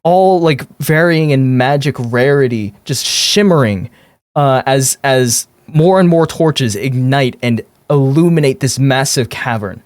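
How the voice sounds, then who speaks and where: A man working as game master, improvising descriptive narration in halting phrases. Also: mid-range voice, dry recording.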